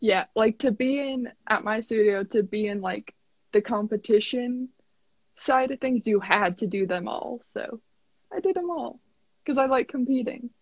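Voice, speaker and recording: A woman's voice: fairly high pitch, animated, measured pace, dry recording, lo-fi sound. A young woman from South Dakota, a guest in a casual interview, answering in a shy, hesitant way.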